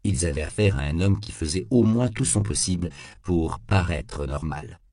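Deep, gravelly man narrating an audiobook. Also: normal speed, dark tone, dry recording.

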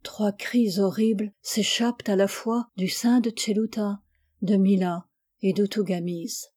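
A woman reading a novel aloud with measured, expressive narration. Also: mid-range voice. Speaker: reader.

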